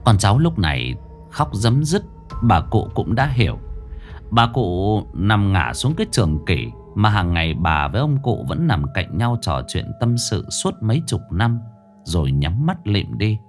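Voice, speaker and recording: Expressive male horror storyteller. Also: fairly low pitch, unhurried, soft background music. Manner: dramatic, expressive reading. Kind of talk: scripted horror narration.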